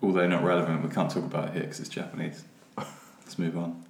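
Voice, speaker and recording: Man, very deep voice, podcast co-host, crude jokes, echoey room. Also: little pitch movement, gravelly, slight background noise. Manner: joking, crude, quick to laugh. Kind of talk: casual chat. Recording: roomy echo.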